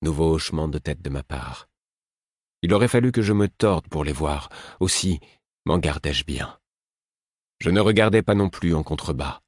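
A man reading a first-person story as an audiobook narrator, in a measured, grave manner. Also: a bass voice, no echo, studio quality.

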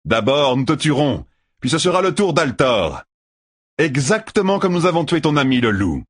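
A man voicing an arrogant, ruthless male killer who shouts and taunts in an audiobook. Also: on the high side, sing-song, moderate pace, pitched above the performer's own voice. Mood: taunting. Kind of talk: audiobook character voice.

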